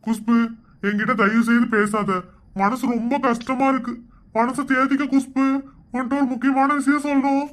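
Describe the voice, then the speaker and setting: A woman's voice: high voice, flat delivery, normal speed, natural voice. A woman voicing a glum middle-aged village husband in a cartoon, speaking in a weary, dejected drawl.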